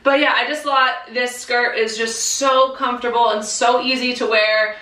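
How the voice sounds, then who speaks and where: Upbeat young female vlogger, fairly high voice, casual filler-heavy chat, echoey empty room. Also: fairly even intonation, moderate pace, pushed and bright. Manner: chatty, lots of "like" and "um". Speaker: fashion vlogger. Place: half-empty room under renovation. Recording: echoey bare room, voice far from mic.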